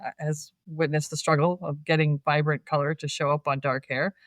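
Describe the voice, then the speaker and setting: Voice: mid-range voice, brisk, no echo. Chatty film-recap co-host, mid-range voice, dry close mic, laughs a lot. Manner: chatty, laughs often, animated asides. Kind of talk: casual film recap chat.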